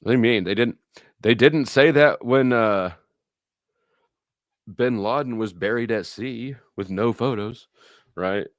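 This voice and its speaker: This middle-aged man running a livestream speaks in a mid-range voice, unhurried and broken up by long pauses. The recording is dry and studio quality, and his talk is rambling, anecdotal, blunt and peppered with swearing.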